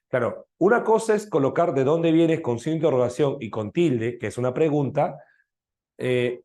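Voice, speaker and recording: A man's voice: medium pitch, mellow. A man with a Peruvian accent teaching a live language class, teasing his students and often asking them to confirm they follow. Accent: Peruvian Spanish.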